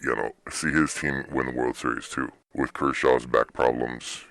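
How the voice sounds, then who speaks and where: Young male sports host, extremely deep, dry close sound, informal and meandering solo commentary. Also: steady tone, normal speed, gravelly, a bit bright, no echo. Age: young adult.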